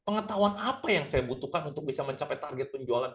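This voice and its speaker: Middle-aged male sales trainer, energetic, quick delivery, keeps asking the audience questions. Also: medium pitch. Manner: energetic, addresses audience as Bapak Ibu, rhetorical questions. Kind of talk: lively online sales class.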